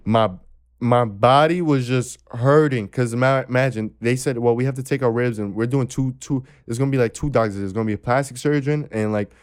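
Smooth-voiced young man telling a story. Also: medium pitch, fairly quick, no room sound, clean studio sound. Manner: animated storytelling, acts out voices, swears freely. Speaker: guest telling his story. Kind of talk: casual chat.

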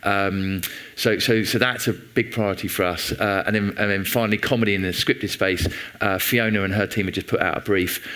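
A man's voice: fairly low pitch, fairly even intonation, a bit bright. Hesitant British man on a panel. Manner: halting, filler-heavy, self-deprecating. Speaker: TV commissioner. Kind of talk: panel talk.

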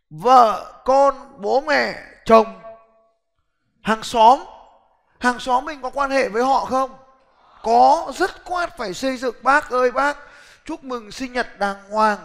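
A middle-aged man giving a lively, blunt motivational business seminar talk, challenging the audience directly. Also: extremely high pitch. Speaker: seminar speaker. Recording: long hall reverb.

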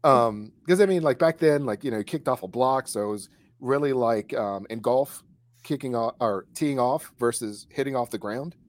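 A man's voice: mid-range voice, moderate pace. Rambling man in casual chat. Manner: rambling, many fillers and restarts. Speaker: co-host recalling high school kicking.

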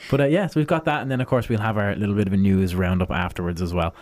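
A man's voice: lowish voice, rapid-fire, a little mellow. A young man co-hosting a science show in casual chat, jokey, giggly and playfully teasing. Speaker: co-host of a science radio show.

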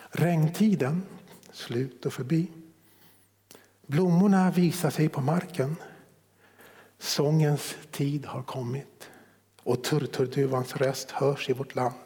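A man preaching a sermon, reading scripture slowly, dropping to hushed whispers and then rising sharply for emphasis. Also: on the high side, in a large hall. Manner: swings from hushed whispers to sudden emphatic rises.

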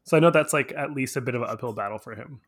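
Male podcast host, mid-pitched, upbeat and jokey, casual banter. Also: racing, fairly bright tone, a little hiss or hum. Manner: upbeat, joking. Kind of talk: casual chat.

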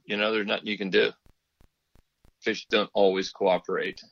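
A middle-aged man calls in on speakerphone, his low voice gravelly with fry and dulled by the phone line. He is a fishing guide who talks in an easygoing, folksy way, with a dry close sound and no room around him. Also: flat delivery, moderate pace, a bit bright, no room sound. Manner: easygoing, folksy, laughs often. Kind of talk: casual podcast chat.

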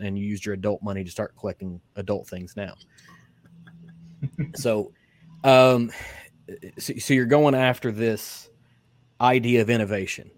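Rambling low-voiced man hosting a podcast. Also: no echo. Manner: rambling, many restarts and fillers. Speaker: podcast host. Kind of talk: casual interview chat.

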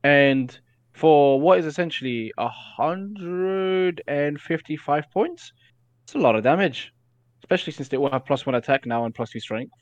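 A man's voice: a little high, animated, moderate pace, no echo, lo-fi sound. A man speaking as a guest on a casual gaming podcast, breaking down game strategy with frequent fillers and restarts. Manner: hesitant, many fillers and restarts, analytical.

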